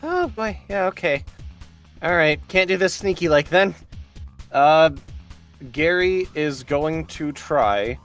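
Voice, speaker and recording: A man's voice: on the high side, expressive, slow pace, long pauses, soft background music. A man playing a tabletop role-playing game, talking casually and jokily, sometimes in character.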